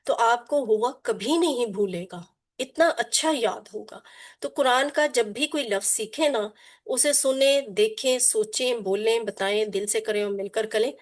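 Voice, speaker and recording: A woman teaching a Quran Arabic class, drilling her students with repetition and call-and-response and mixing in English terms. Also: a little high. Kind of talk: online class lesson.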